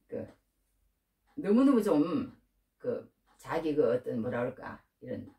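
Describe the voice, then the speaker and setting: A woman pastor delivers a sermon in a loose, conversational way, often swinging up into high, emotional bursts. Her voice moves a great deal in pitch. The sound is roomy and echoey, picked up from some distance away. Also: darkish tone. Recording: roomy echo from far off.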